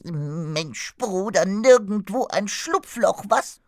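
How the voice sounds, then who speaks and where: A woman voicing a cheeky, practical young male fly in a storybook radio play, talking briskly and teasing. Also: medium pitch, lively intonation, darkish tone, no room sound, clean studio sound.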